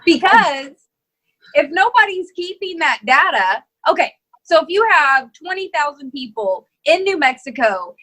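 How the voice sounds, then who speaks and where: Bright high-voiced woman chatting animatedly. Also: measured pace, poor audio. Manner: animated, laughs often, builds theories. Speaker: podcast co-host. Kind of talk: casual chat.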